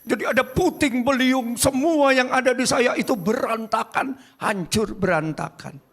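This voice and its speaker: A male pastor preaching a sermon at a church service, speaking in short emphatic bursts that repeat phrases and pause between words. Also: very high voice, a bit bright. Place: church service, live-streamed.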